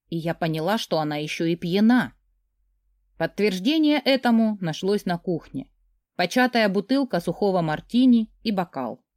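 Lively woman reading an audiobook. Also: medium pitch, dry recording, clean studio sound. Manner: expressive storytelling reading. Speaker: audiobook narrator. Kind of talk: first-person audiobook narration.

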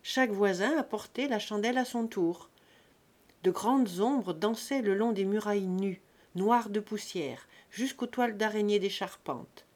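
A woman narrating an audiobook of a classic novel in a calm, measured reading voice. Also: medium pitch. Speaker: audiobook reader.

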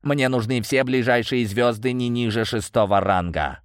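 A man's voice: medium pitch, moderate pace, no echo, clean studio sound, pitched above the performer's own voice, close to an everyday voice. A man voicing a furious, hot-headed male gang boss who snarls, curses and barks orders. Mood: commanding. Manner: roaring, snarling, cursing.

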